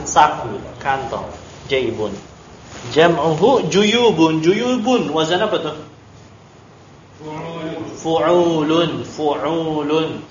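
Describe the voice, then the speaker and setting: A man teaching an Arabic class, explaining words and grammar slowly and patiently and quizzing his students. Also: medium pitch, a little hiss or hum. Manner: slow, patient explaining with drills and questions. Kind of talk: classroom lesson. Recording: lo-fi, echoey room recording.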